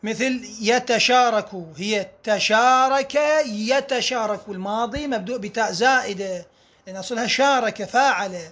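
A man's voice: high-pitched, normal speed, pushed and bright. A man teaching a grammar lesson, reading rules aloud and explaining them through repeated examples.

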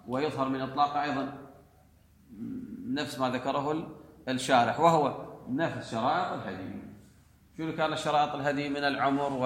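A man's voice: medium pitch, fairly bright tone. A man gives a classroom lecture, reading a passage and then explaining it point by point. He stops to quiz his students now and then. His voice rings through a large, echoey hall with a long reverb tail. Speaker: teacher of religious law.

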